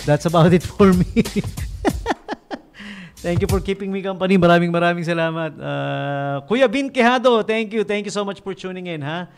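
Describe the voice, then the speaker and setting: A man's voice: sits high, moderate pace, gravelly, soft background music. Playful Filipino radio DJ man. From Philippines. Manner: playful, animated, laughs at own jokes, switches Tagalog and English. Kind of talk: late-night radio joke telling and sign-off. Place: radio studio.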